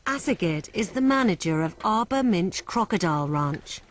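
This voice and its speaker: A woman presenting and narrating a nature documentary in a measured, scripted voice-over style. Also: lowish voice, expressive.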